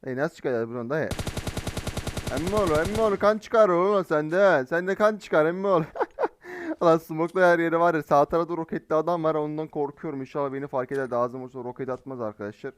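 A man giving live gameplay commentary as a mobile game streamer, excitable and teasing in slangy banter. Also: a little high, fast, clean tone, no echo. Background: faint game gunfire.

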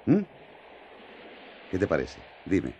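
An actor playing John the apostle, an earnest, excitable man who speaks emphatically and coaxingly in a radio drama. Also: deep voice, slight background noise, heavily acted. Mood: solemn, proud. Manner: emphatic, halting with eagerness, coaxing. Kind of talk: radio drama acting in colloquial Spanish.

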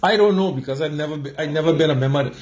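A man's voice: fairly high pitch, very fast, a little mellow, reverberant. A man with a Caribbean accent hosting an unscripted sports radio interview, pressing with questions that he rephrases and repeats. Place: small radio studio, indoors. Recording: studio with faint background noise.

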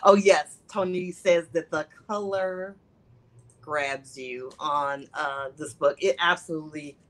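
A woman's voice: sits low, steady tone, takes it slowly, a bit bright. A woman hosting a casual chat over a video call, enthusiastic and chatty. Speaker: host.

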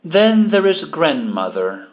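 A Brazilian man teaching English pronunciation, slowly repeating words for the learner. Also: on the high side, big pitch swings, muffled recording. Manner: slow, deliberate, repeating words to model pronunciation. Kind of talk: language lesson explaining pronunciation.

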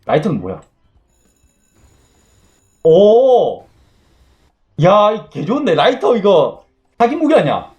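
A man playing a game on camera, narrating in a hammy, mock-pompous way with sudden shouted outbursts. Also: high-pitched, huge pitch swings, fairly quick. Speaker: gaming YouTuber. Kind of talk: comedic game commentary.

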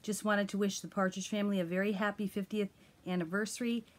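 A woman's voice: medium pitch, flat delivery, quick pace. A woman from Connecticut giving a friendly, upbeat fan greeting.

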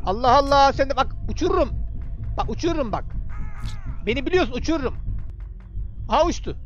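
A man's voice: very high-pitched, lively intonation, brisk, muffled recording, soft background music. A young man giving casual gameplay commentary, chatting to the game character and to viewers. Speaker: gaming YouTuber.

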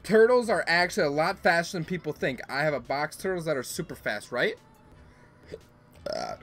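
A man hosting a game livestream, chatting casually and bursting into playful mock-outraged yelling for his chat. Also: a little high, very animated, moderate pace, faint music behind. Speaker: gaming livestream host.

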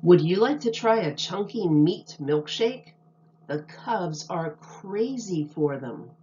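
A woman reads a children's book aloud in a teacher-like manner, her slightly low voice expressive and mellow. She enunciates each phrase carefully and deliberately for young listeners. The lo-fi recording is a little dull and carries a slight hiss or hum.

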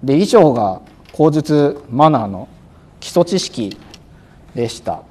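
Man, exam prep lecturer, clear and loud on purpose, fillers, lively pitch, middle voice. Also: slow. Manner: acts out examiners and exam-day self-talk.

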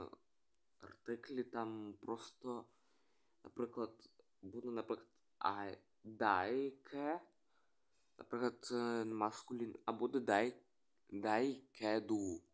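A man hesitantly explaining the alphabet, tenses and grammar of a language he invented, going through his slides with many pauses and restarts. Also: mid-range voice, pushed and bright. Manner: hesitant, reading letters one by one, many restarts. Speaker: hobbyist presenting a made-up language. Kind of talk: screen-share explainer.

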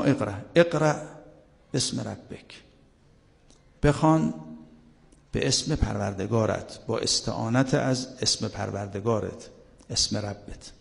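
A man's voice: medium pitch, creaky, darkish tone, big-room sound. A male cleric giving a Quran commentary lecture, going verse by verse and moving between recited Arabic and his own explanation.

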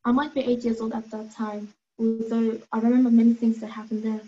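A seventeen-year-old girl from Norway speaks over a video call from a room at home, earnest and measured, with small hesitations. Her voice sits fairly high but stays flat and steady, with a warm tone, and the call audio sounds muffled. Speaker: speaker giving testimony. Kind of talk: prepared personal testimony.

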